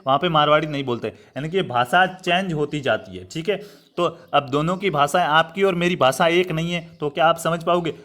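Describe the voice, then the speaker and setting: A man's voice: on the high side, fairly bright tone. A young man from Rajasthan teaching an online exam-prep lecture, explaining step by step and often checking in with his students. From Rajasthan, India. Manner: repetitive, explanatory, addresses students as friends.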